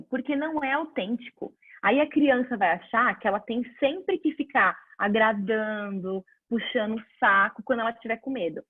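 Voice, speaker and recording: Woman teacher, fairly high, breathy voice, dry phone-quality sound, chatty and explanatory. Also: no room sound. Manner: conversational, answers viewer questions, lively examples. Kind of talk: casual online class.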